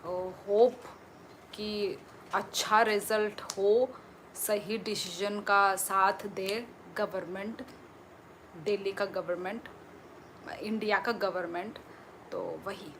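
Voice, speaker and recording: A woman hosts a relaxed live stream from her phone at home and answers her viewers' comments one by one. She speaks at an unhurried pace in a voice of middling pitch. Steady background noise runs clearly under her voice. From Tripura, India. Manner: reads viewer comments aloud and answers them chattily. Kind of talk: casual live-stream chat.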